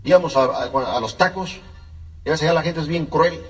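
A man's voice: fairly high pitch, fairly quick, soft background music. A man tells his personal life story with emotion, addressing the listener directly. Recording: voice a bit far from the mic.

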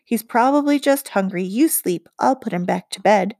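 A woman reading aloud, voicing a tired young mother who speaks softly to a crying baby. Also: mid-range voice, expressive, normal speed, vocal fry, no room sound, clean studio sound. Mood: soothing, tired. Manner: sleepy and soft.

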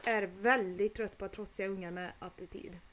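A woman co-hosting a casual podcast chat, blunt and animated, swearing often. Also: medium pitch. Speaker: podcast co-host.

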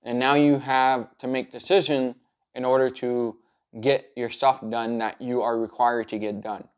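A man's voice: medium pitch, level tone, a little slow, clear, resonant tone. Upbeat man giving structured advice. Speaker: self-improvement coach presenting a video series. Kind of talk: structured advice vlog talking to viewer.

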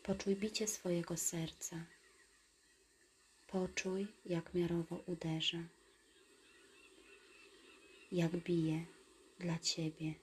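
A woman guiding a meditation in a soft, soothing whisper, giving calm instructions. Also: lowish voice, takes it slowly, long pauses, slight background noise. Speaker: meditation guide.

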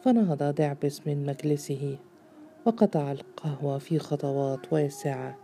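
Low, dark-voiced woman narrating a novel. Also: a little hiss or hum. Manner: measured storytelling. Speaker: audiobook narrator.

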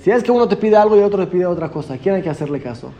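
High-voiced man teaching Talmud. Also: racing, lo-fi sound, soft background music. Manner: reads a phrase then explains it, steady explanatory rhythm. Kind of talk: daf yomi lesson, reading Aramaic and translating.

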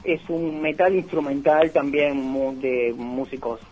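A somewhat high, husky man talks about music as a radio guest. He hesitates often, filling gaps and restarting words. The sound is dull and lo-fi. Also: fairly even intonation, a little slow, a little mellow. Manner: hesitant, many fillers. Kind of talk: radio interview talk.

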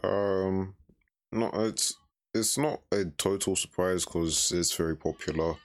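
A man's voice: low voice, slow. A man, co-hosting a podcast in casual chat. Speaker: podcast co-host.

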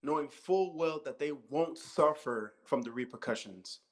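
This podcast co-host, an American man in his thirties, has a higher-leaning, animated voice and takes his time, though the recording quality is low. He talks with real heat in an informal discussion, repeating himself, speaking emphatically and swearing a lot.

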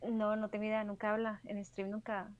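A woman's voice: medium pitch, monotone, brisk, dull audio, over a noisy crowd. A woman telling a story in an easygoing way during a casual chat with friends.

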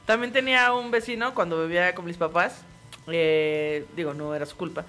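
A woman's voice: fairly low pitch, fairly even intonation, moderate pace, a bit bright, faint music behind. A woman with a Mexico City accent, telling anecdotes in a casual, slangy chat. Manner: storytelling, laughing, slangy.

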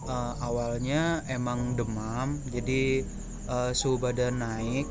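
A young man co-hosts a casual podcast at a middling pitch. He explains in a roundabout, stop-and-start way, with music clearly playing behind him. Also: little pitch movement, slow pace. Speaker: podcast co-host.

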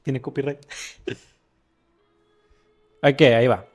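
A man's voice: mid-range voice, fairly even intonation, slow pace. A young man with a Mexican accent, hosting a casual podcast, loose and joking, often laughing. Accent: Mexican Spanish. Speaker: podcast host. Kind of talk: casual chat, reading a story aloud.

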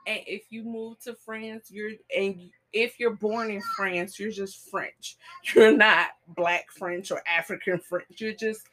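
A woman's voice: mid-range voice, steady tone, slow pace, few pauses, a bit bright. A woman co-hosting a podcast in casual chat, steadily explaining and arguing her point. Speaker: podcast co-host.

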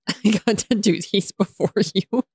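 A woman's voice: mid-range voice, unhurried, darkish tone, slightly rough, dry recording, studio quality. A woman in casual chat trying tongue twisters, laughing often between words.

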